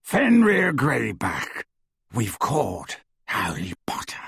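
A brutish werewolf speaks in a rasping, husky growl, loud and gloating, as a male narrator puts him on. It comes from an audiobook, recorded close and dry. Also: mid-range voice, huge pitch swings, takes it slowly, no echo, full character voice. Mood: resentful. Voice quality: raspy. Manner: roaring, gloating.

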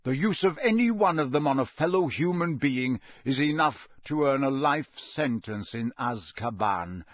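A man voicing a gruff, intense old professor in an audiobook, growling out stern, emphatic warnings. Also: medium pitch, expressive, normal speed, no echo, clean studio sound, natural voice. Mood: stern, urgent. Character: gruff old battle-scarred male professor, intense and commanding. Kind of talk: audiobook character voice.

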